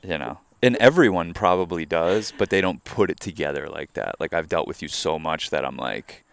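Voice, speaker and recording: A man's voice: deep voice, moderate pace, creaky, no echo. A man co-hosting a podcast, chatting in a laid-back way with casual swearing. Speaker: podcast co-host. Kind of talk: casual chat.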